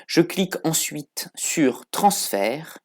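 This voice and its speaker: A man's voice: fairly high pitch, lively intonation, takes it slowly. A man casually talking the viewer through an app, step by step, in a chatty tutorial style. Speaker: crypto tutorial host. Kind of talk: casual screen-recorded app walkthrough.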